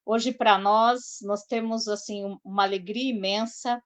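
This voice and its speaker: A woman's voice: medium pitch, fairly even intonation, measured pace, dry recording. A woman hosting a live talk show, telling a story in a chatty way full of asides and tag questions. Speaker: host.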